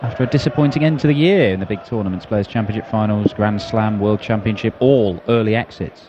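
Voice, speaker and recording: A man's voice: lowish voice, fairly quick, lo-fi sound, noisy background. A man giving live darts commentary as a broadcast commentator.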